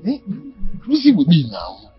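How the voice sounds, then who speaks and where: A man playing a husky, excitable mechanic. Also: a little high, measured pace, full character voice. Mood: persuading. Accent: Nigerian. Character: excitable male mechanic, pushy and scheming. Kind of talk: Nollywood film acting in Nigerian Pidgin. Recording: dull film audio with music.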